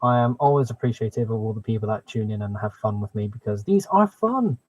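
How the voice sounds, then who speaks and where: A man's voice: on the low side, little pitch movement, fast talker, darkish tone. A man hosting a casual hobby live stream, chatting enthusiastically to viewers through a muffled microphone. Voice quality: muffled sound. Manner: enthusiastic, exclaiming. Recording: muffled microphone, dry close sound.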